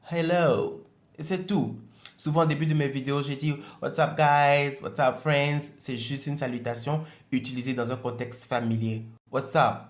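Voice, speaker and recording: A man gives a slow beginner language lesson, speaking each example word carefully and then repeating it. His voice sits at an ordinary middle pitch. The room around him carries a noticeable echo. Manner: slow, careful modelling of words with repetition. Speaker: English teacher.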